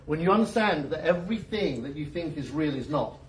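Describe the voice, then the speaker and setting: A motivational speaker with a fairly high voice talks fairly quickly, joking and peppering his audience with questions. The recording carries a bit of hiss or hum and sounds distant and echoey.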